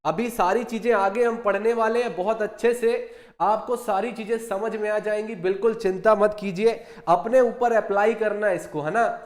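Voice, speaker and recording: A man teaching an exam-prep class. He asks questions, answers them himself, and repeats key terms slowly. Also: high-pitched, fairly even intonation, reverberant.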